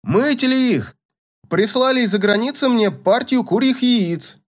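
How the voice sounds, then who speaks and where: A man reading a story aloud and voicing an excitable, fussy provincial farm manager in a raised, anxious tone. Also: very high-pitched, measured pace, voice pushed up.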